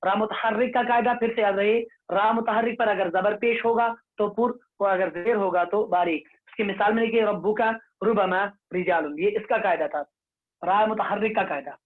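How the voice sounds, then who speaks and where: A man teaching an online Quran recitation class, slowly repeating rules and reciting examples for students to say after him. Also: high voice, steady tone. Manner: slow, repetitive, drills rules and has students repeat. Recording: tinny phone-like online class audio.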